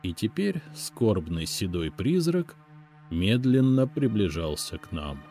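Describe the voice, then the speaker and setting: A man narrating a story in the first person, in an expressive, lively storytelling manner. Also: on the low side, takes it slowly, soft background music. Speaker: audiobook narrator.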